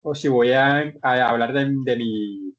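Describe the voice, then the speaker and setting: A man's voice: medium pitch, unhurried. A man teaching an English class online in Spanish, explaining step by step with patient repetitions and restarted words. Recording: dull lo-fi online class audio.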